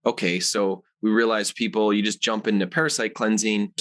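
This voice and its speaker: Low-voiced man telling stories animatedly. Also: normal speed. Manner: animated, rambling with many fillers. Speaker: guest, supplement company founder. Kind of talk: casual interview storytelling.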